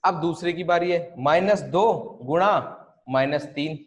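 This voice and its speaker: A man teaches an online math class, talking the students through each step. His voice sits a little high for a man. He keeps asking the class questions and answering them himself, repeating the key rules. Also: a little slow. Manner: repetitive, step-by-step explaining with rhetorical questions.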